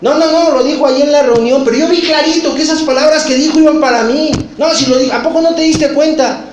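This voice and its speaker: A man's voice: fast, noisy background. A man with a Mexican accent voicing a suspicious, resentful gossip who insists every remark was aimed at him. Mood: insistent. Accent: Mexican Spanish. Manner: insistent, worked up, high-pitched. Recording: roomy echo.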